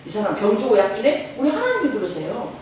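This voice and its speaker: A middle-aged woman pastor preaching a sermon in a church, lively, laughing often and leading call-and-response. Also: fairly high pitch, quick pace, background noise. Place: church sanctuary. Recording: echoey church hall from far off.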